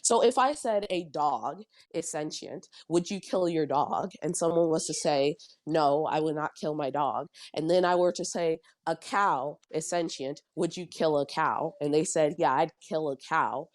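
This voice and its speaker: Debater, woman, low voice, dry close mic, measured and self-correcting in a heated voice chat. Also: no echo. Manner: measured, corrects and rephrases herself.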